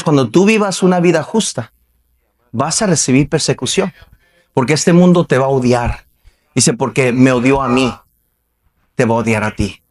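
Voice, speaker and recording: A male pastor preaching a Baptist sermon in a conversational way, asking the congregation question after question and acting out quoted voices. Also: medium pitch. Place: church sanctuary.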